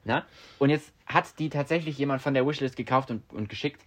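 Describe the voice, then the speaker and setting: A young man co-hosting a podcast in casual chat, relaxed and chatty, with many fillers and English slang words. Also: medium pitch, fairly quick. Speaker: podcast co-host.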